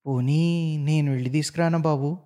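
A man voicing a determined young village woman with a quiet, resolute manner in a spoken story. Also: a little high, fairly even intonation, moderate pace, natural voice.

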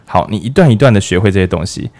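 Man hosting a podcast, lowish voice. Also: animated, fast, a little mellow. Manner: playful, with jokes and acted-out asides. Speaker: podcast host. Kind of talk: casual explanatory podcast talk.

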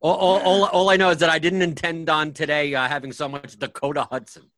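A man's voice: a little high, fast talker, pushed and bright, dry recording, studio quality. A man co-hosting a sports podcast, giving casual, conversational analysis. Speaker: fantasy sports podcast co-host.

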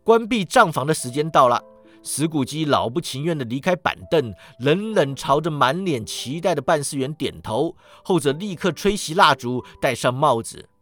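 Animated man telling a storybook tale. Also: fairly high pitch, moderate pace, faint music behind. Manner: animated, with many "ai" interjections. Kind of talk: reading a storybook aloud.

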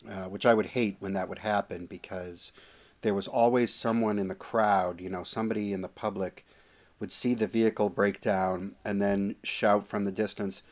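A man hosting a casual podcast, chatting in a relaxed way and often saying "you know". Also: lowish voice, normal speed. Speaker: podcast host.

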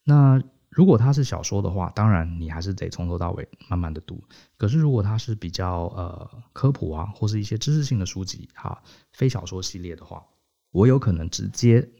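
A man's voice: low voice, animated, moderate pace, gravelly, warm tone. A man, co-hosting a podcast, explaining his methods step by step in a casual way, often tagging sentences with little checks like "hao". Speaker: podcast co-host. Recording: dull lo-fi podcast audio.

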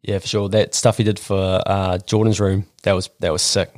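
Kiwi bloke hosting a podcast, broad accent, lowish voice, chill and slangy, dry sound. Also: male voice, little pitch movement, moderate pace, darkish tone, no room sound. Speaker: podcast host. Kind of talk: casual interview chat.

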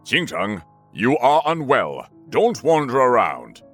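A man's voice: mid-range voice, wildly swooping pitch, takes it slowly, faint music behind, voice pushed up, exaggerated voice. A man voicing a stern, angry old patriarch who scolds his son.

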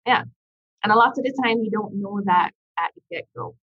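A Jamaican business coach guesting on a podcast talks fairly quickly in a husky, medium-pitched voice. Her uptown Jamaican accent carries an American Southern tinge, and in this casual conversation she laughs easily and repeats phrases for emphasis, captured with dull lo-fi audio.

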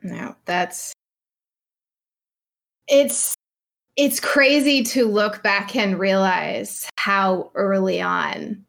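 A woman speaking in a measured, thoughtful way in a candid conversation, often trailing off softly. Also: medium pitch, creaky.

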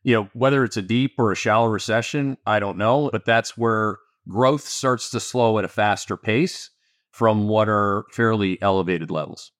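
A man with a Canadian accent, an investment firm founder answering interview questions in an animated, emphatic way with sarcastic asides. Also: lowish voice, normal speed, no room sound, clean studio sound.

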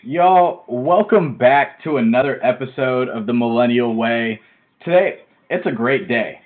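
Excitable man hosting a tinny podcast. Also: mid-range voice, measured pace. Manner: excitable, chatty, easily fired up. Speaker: podcast host. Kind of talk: casual podcast chat. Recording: tinny phone-like audio.

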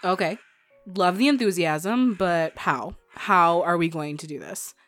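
A woman's voice: on the low side, unhurried, fairly bright tone, soft background music. A woman playing a sardonic but supportive farmer's wife in an audio story, with a dry, skeptical manner. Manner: dry, sarcastic.

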